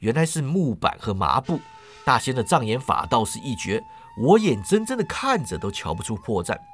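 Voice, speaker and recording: A man telling a wuxia story, voicing a calm, confident young martial hero who speaks steadily and with command. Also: medium pitch, normal speed, faint music behind, voice pushed down, natural voice. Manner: steady, commanding, slightly amused.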